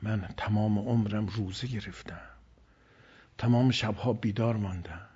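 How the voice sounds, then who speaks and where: A man giving a religious sermon, swinging between loud emphasis and hushed, near-whispered lines. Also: fairly low pitch, steady tone, breathy edge. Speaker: preacher. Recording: dull lo-fi recording.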